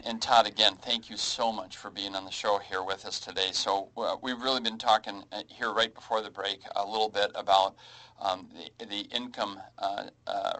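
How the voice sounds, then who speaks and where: A man's voice: lowish voice, pushed and bright, rough recording. A man hosting a financial radio talk show, speaking casually with many fillers and restarts.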